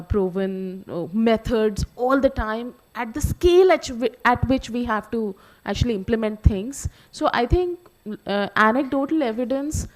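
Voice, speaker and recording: A woman answering as a panel expert, measured and thoughtful with occasional fillers. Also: high-pitched.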